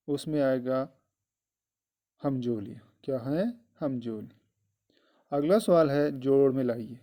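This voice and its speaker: A male schoolteacher with a dark, mellow voice talks his class through a lesson. He goes slowly, says phrases twice and keeps turning to the children with questions. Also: medium pitch. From Kashmir. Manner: slow and repetitive, addressing the children directly. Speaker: teacher. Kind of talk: classroom lesson explaining a poem.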